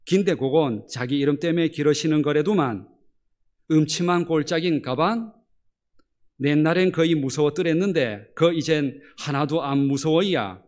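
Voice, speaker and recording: A man's voice: fairly high pitch, normal speed, darkish tone, pitched above the performer's own voice, close to an everyday voice. Pastor doing a folksy Pyongan man, emphatic and raised, firing rhetorical questions. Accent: Pyongan dialect. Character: folksy northern Pyongan man reciting a psalm.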